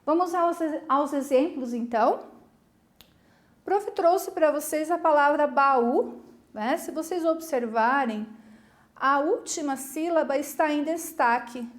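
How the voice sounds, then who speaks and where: A woman's voice: sits high, echoey room. A woman teacher giving a recorded video lesson in a patient, encouraging way, often checking that students follow. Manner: patient, encouraging, asks the class many check questions.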